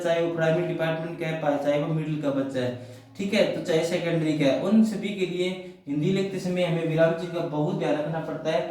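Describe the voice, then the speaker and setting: A man's voice: on the high side, darkish tone. Man teaching in a very echoey room. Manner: repetitive, asks and answers his own questions. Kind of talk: classroom-style explanation. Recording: very echoey room, mic far off.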